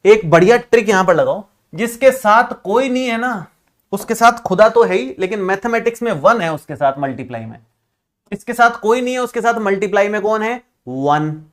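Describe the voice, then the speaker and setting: A male math teacher giving a classroom lecture, chatty and reassuring, teasing his students and repeating steps slowly. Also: high voice, expressive.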